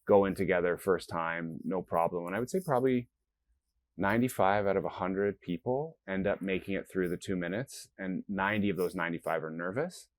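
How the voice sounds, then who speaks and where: Speaking a little fast in a low voice, the founder earnestly explains his points in an interview, acting out what nervous people tell themselves. There's no echo on the recording.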